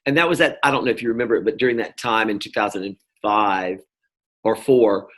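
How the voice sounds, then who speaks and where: A man's voice: lowish voice, fairly quick, a bit bright. Rambling American man from the South. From North Carolina, US South. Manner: rambling, many restarts and fillers. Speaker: interview guest. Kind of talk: casual conversation.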